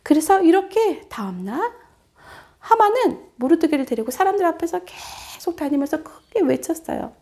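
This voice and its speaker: A woman giving a children's sermon as a story. Her voice is high and bounces widely, and she keeps turning to the kids with questions. The delivery is animated and encouraging. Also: normal speed. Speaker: children's ministry preacher.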